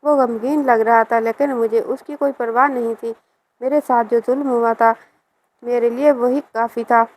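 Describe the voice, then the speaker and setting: A woman telling a scripted first-person story with a steady, even delivery. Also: on the high side, a little hiss or hum, low-quality recording.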